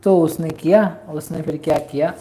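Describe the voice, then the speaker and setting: A woman teaching scripture, explaining a story and chanting verses in a drawn-out sing-song, often asking her listeners questions. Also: low voice, steady tone, dark tone, slight background noise. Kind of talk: religious discourse with chanted verses. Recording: roomy echo.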